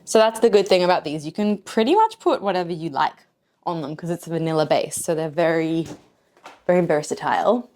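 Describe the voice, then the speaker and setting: A cooking show host works through a casual home demo, plating a dessert and joking around as she talks. She speaks briskly and expressively in a lowish, slightly mellow voice.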